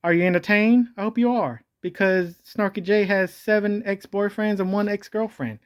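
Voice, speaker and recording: A video host speaks at a moderate pace with fairly even intonation and a clean tone, though a voice changer shifts and morphs the voice. Their commentary rambles comically, with jokes, self-corrections, and pitch that jumps around.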